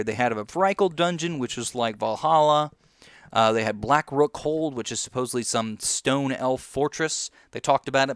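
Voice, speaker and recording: Rambling man with smooth dry voice. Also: mid-range voice, fairly bright tone, dry recording. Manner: rambling, lots of ums and uhs, chewing gum. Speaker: gaming commentator. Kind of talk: casual video game commentary.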